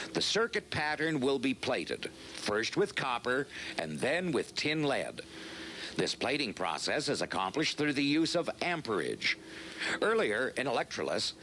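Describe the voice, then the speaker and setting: A man reads scripted narration for a vintage industrial training film in a measured, instructional, explanatory way. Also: medium pitch, a bit bright, slight background noise.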